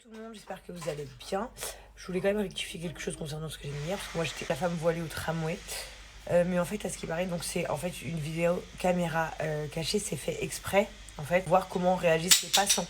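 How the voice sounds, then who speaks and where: A woman's voice: fairly low pitch, steady tone, quick pace, background noise. A woman with an English accent, a native English speaker, chatting casually to her followers as a vlogging mother. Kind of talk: casual vlog chat to camera.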